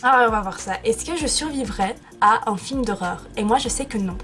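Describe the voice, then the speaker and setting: A woman's voice: fairly high pitch, animated, moderate pace, over loud music. A young woman chatting casually in a vlog from her bedroom, playful and self-mocking. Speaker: YouTuber.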